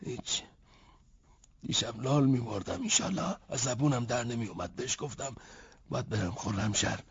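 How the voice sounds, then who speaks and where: An actor playing a curt, sarcastic war veteran worn down by gas injuries, in a TV drama. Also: male voice, medium pitch, husky, dry recording. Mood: somber. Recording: dull lo-fi TV drama sound.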